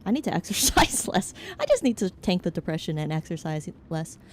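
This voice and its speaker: A young woman VTuber streams while gaming, chatting with her viewers in a rambling, frank, joking way and jumping between topics. Her voice is lowish with big pitch swings and a slightly fast pace, over a little hiss or hum.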